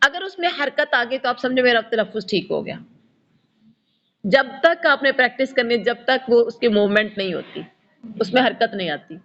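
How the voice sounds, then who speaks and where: A woman with a fairly high voice teaches Quran pronunciation, sounding out each letter slowly and repeating it for her pupils. She checks whether they follow as she goes. The recording is dull and lo-fi. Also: lively intonation, fairly bright tone. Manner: patient, instructive, asks pupils questions. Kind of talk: tajweed pronunciation lesson.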